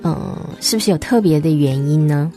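A woman hosting a radio interview show, speaking in a gentle, measured way. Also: low-pitched, soft background music. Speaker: radio host. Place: radio studio.

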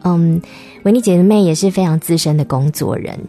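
A woman hosting a radio interview show, speaking in a gentle, measured way. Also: on the low side. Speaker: radio host. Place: radio studio.

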